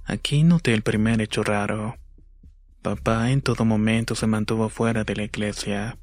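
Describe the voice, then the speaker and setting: Man, scripted horror narration, even and measured delivery, lowish pitch, little melody. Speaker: storyteller.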